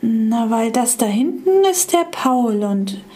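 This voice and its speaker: A woman doing a shy little yellow gadget. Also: a little high, animated, takes it slowly. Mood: curious. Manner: timid and polite, slightly raised voice. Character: small shy curious yellow GPS device.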